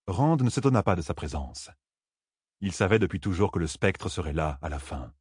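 A man reading a fantasy audiobook aloud with measured, dramatic delivery. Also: sits low, big pitch swings, a little mellow, slightly rough, no room sound, studio quality. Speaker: audiobook narrator.

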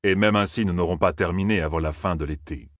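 A man voicing a smooth-talking, calculating captain. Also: sits low, quick pace, dry recording, studio quality. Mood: probing. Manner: smooth, courteous and probing. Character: flattering, calculating male army captain.

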